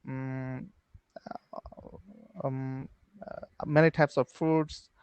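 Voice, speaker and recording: A young man from Bangladesh, learning English, speaking haltingly with many fillers and restarts on a headset during a video call lesson. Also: mid-range voice, level tone, a little mellow, smooth, no room sound. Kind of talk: online English practice lesson. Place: small room at home, video call.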